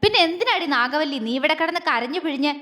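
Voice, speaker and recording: A woman's voice: high-pitched, animated, fairly quick, sharp tone, big-room sound. A woman voicing a hot-headed, mocking young man. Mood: irritated. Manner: irritable, mocking.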